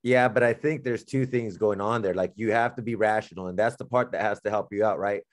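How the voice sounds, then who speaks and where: A man's voice: lowish voice, a little fast. A man co-hosting a podcast, telling a story in casual, blunt, profane slang and acting out the dialogue he quotes. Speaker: podcast co-host.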